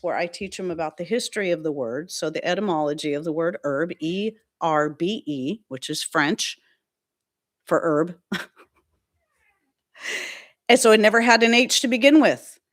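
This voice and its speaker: A woman with a Southern US accent, hosting a live stream in a casual, sassy and emphatic way. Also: mid-range voice. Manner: sassy and emphatic, laughs often.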